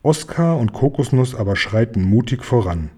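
A man narrating a children's story in a calm, even way. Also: medium pitch, moderate pace, husky. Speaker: audiobook narrator.

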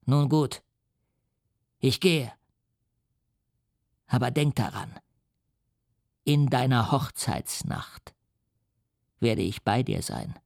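A huge, lonely creature, voiced by a man, speaks in slow, menacing threats. The voice sits at a middling pitch. It sounds dry and close, as in a radio drama reading. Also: big pitch swings, vocal fry, a little mellow, no room sound, heavily acted. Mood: threatening. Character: vengeful, lonely male creature, huge and bitter.

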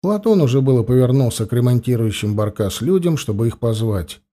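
Male audiobook narrator: animated, mellow, measured. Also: medium pitch.

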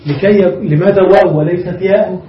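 A man's voice: sits high, fairly even intonation, fairly quick, slight background noise. A man teaching an Arabic grammar lesson, explaining each step and checking that his students follow. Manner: explains step by step, often checks understanding with the class. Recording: roomy, muffled recording from a distance.

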